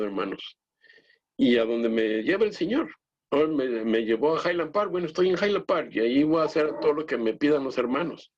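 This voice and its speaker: Male lay preacher, husky voice, halting earnest delivery, muffled lo-fi recording. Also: a little high. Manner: earnest, halting with many restarts, addresses the brethren directly. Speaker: lay pastor. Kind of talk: church teaching talk. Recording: dull lo-fi recording.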